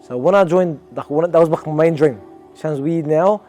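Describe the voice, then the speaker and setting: His voice a little high and mellow, a young Australian amateur boxer talks at a moderate pace in a documentary interview. He's earnest and reflective, restarts sentences often, and soft background music plays.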